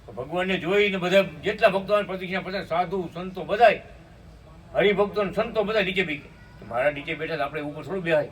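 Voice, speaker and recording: Heard from a distance, a male spiritual speaker with a high, fairly bright voice delivers a devotional sermon at a satsang. His storytelling gives way to slow hymn chanting, and he asks the crowd "hum?". Faint room noise sits under the far-off mic.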